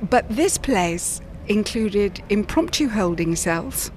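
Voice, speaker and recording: A woman's voice: mid-range voice, expressive, takes it slowly, a little mellow. A woman guides a walking tour, explaining history with knowing, wry asides. She talks outside on a street, with traffic faintly passing behind. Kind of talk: casual on-site explanation. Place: outdoors on a city street.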